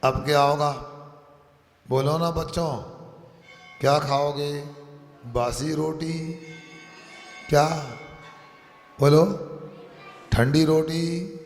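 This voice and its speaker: A man's voice: a little high, flat delivery, slow pace, pauses often, soft background music. A man, a Jain monk, giving a sermon class, constantly quizzing his listeners and using homely everyday examples. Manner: keeps quizzing the audience. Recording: echoey hall reverb.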